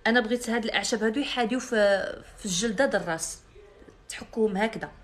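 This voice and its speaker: A woman's voice: fairly high pitch, very fast. A young woman with a Moroccan Arabic accent, hosting a live stream in a brash, mocking and boastful way. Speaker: live-stream host selling products.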